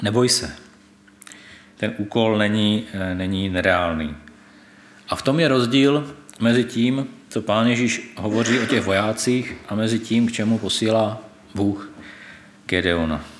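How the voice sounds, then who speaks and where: A man preaching a sermon, retelling a scripture story and stressing God's words, with a few hesitations. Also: lowish voice. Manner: thoughtful, with hesitations. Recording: echoey room.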